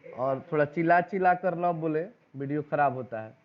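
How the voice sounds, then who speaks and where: A man with a high voice and a Bihari Hindi accent teaches a classroom of students. He reads out exam questions and their options, quizzes the class and repeats the answers back. The sound is thin and tinny, like a phone recording. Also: normal speed. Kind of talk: exam-prep lesson, reading out quiz questions and options.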